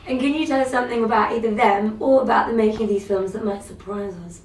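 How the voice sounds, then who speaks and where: A woman's voice: fairly high pitch, fairly even intonation, fast, a little hiss or hum. A woman interviewer asking playful, upbeat questions in a light entertainment interview. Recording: roomy and distant.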